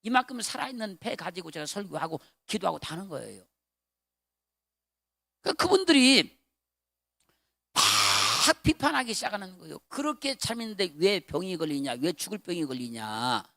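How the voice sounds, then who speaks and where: A man preaching a revival sermon as pastor, dropping to hushed murmurs and rising to shouted exclamations. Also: high voice, sing-song, fairly quick, vocal fry, hardly any pauses, dry recording, clean studio sound. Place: prayer retreat hall.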